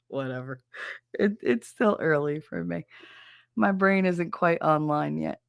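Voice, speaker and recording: A livestream host from New Jersey speaks slowly at medium pitch, his voice stuffy, nasal, and gravelly from a cold. He rambles casually, chats, makes fun of himself, and greets viewers in the chat. The recording is muffled with no room sound.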